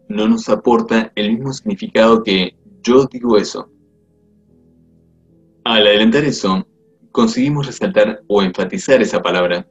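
A man reading a grammar textbook aloud in a measured, explanatory way. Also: on the low side. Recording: dull lo-fi audio with faint music. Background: faint music.

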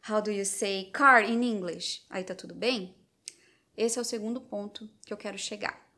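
A woman from Brazil giving parents advice in an instructional vlog, animated and acting out playful examples. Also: on the high side. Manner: animated, acts out playful baby-talk examples. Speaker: bilingual parenting educator.

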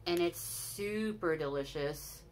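A woman's voice: lowish voice, slow pace, a little hiss or hum. A woman in her forties with a Utah American accent, chatting enthusiastically to camera in a shopping haul video from a small room at home. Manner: chatty and enthusiastic, with frequent restarts and "you guys". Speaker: vlogger. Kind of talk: casual haul chat to camera.

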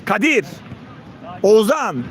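A man's voice: very animated, slow. A man giving live play-by-play football commentary in short calls of players' names. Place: outdoors beside a football pitch. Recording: outdoor pitch with players and crowd behind.

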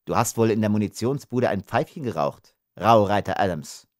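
A man's voice: lowish voice, animated, normal speed, no echo, studio quality, lightly acted. A man reading an audiobook, voicing an arrogant army lieutenant who speaks with contempt. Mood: sneering. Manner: sneering, contemptuous.

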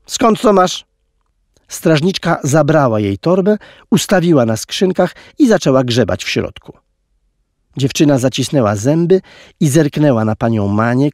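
A man narrating an audiobook in an expressive storytelling manner, recorded on a close studio mic. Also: medium pitch, dry recording. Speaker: audiobook reader.

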